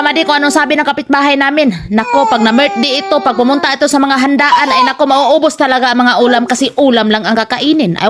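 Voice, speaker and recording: Woman, young adult, Cebuano-tinged Filipino accent, high voice, chatty vlog talk, code-switching, pet-name fillers. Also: fairly bright tone. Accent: Cebuano-influenced Filipino. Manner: chatty, peppers every line with a pet name, mixes languages. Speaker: vlogger.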